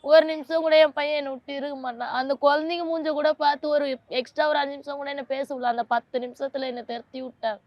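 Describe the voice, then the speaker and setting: High-voiced woman, pleading. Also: fairly even intonation, quick pace, hardly any pauses, dry recording, highs cut off. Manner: pleading, aggrieved, insistent. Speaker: interviewee, a mother of two. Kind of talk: emotional interview.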